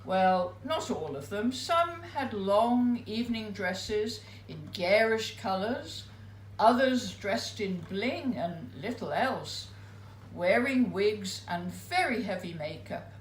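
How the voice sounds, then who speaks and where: A woman's voice: medium pitch, slight background noise. A woman reads her memoir aloud at a live spoken word night, taking her time over every phrase. Her voice carries around a roomy venue, with a faint murmur of the room behind. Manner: unhurried, expressive storytelling. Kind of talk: reading a memoir piece aloud.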